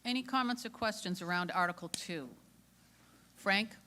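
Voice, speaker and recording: A woman moderating a town meeting, brisk and procedural, calling on speakers and apologizing often. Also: medium pitch, sharp tone. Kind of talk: running a public town meeting.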